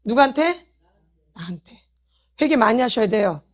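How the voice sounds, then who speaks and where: Her voice is a little high and animated, moving at a normal pace. As a pastor's wife heading a healing meeting, she preaches directly to the congregation, hammering them with rhetorical questions and urging them to repent.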